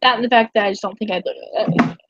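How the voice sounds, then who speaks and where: A young woman chatting casually on a live stream about her artwork, giggly and full of quick asides. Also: medium pitch, fairly even intonation, fairly bright tone, no echo. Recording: muffled lo-fi mic.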